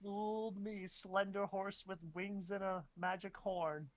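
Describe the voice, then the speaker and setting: A woman's voice: medium pitch, level tone, measured pace. A young woman in a goofy, casual chat, talking in a drawl and often breaking into laughter. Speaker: co-host.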